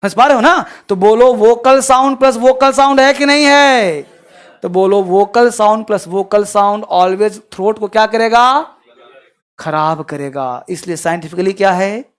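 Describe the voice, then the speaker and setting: A man teaching a class in a lecture style, constantly quizzing his students and swinging between loud emphasis and quiet asides. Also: high-pitched. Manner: addresses students with frequent quizzing questions.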